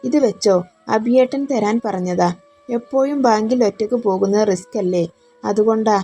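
A woman's voice: mid-range voice, normal speed, mellow, breathy edge, soft background music. A woman voicing a kind, easygoing young man who speaks in a friendly, reassuring way.

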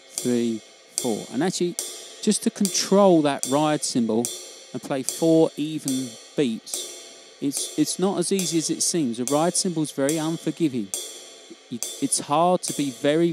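A man teaching jazz drumming in a casual, relaxed way, often checking in with "okay?". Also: a little high. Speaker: drum teacher. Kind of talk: casual instructional demo.

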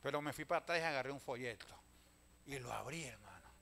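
A man, a pastor telling stories in a sermon, swinging from loud calls to hushed asides and often addressing listeners as brother. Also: mid-range voice, expressive, quick pace, creaky, slight background noise. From Venezuela. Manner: storytelling preacher, swings from loud calls to hushed asides, keeps saying "hermano".

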